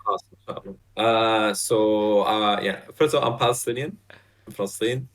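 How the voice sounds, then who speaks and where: A man's voice: on the low side, normal speed. A young man in his twenties who grew up in Saudi Arabia, a podcast guest on a video call, talking casually with lots of fillers and restarts. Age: 20s. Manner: relaxed, hesitant, many fillers and restarts. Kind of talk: casual chat. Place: bright apartment room, indoors. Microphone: headset on a video call.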